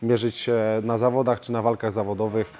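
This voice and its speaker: Speaking fairly quickly in a voice on the low side, this man is a professional fighter and coach. He gives steady interview answers in a martial arts gym, peppered with frequent hesitation fillers.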